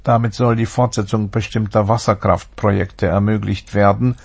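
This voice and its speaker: A man's voice: on the low side, flat delivery, normal speed, gravelly, a little mellow, slightly rough. A man reading a scripted radio news bulletin in a formal, factual manner. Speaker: newsreader.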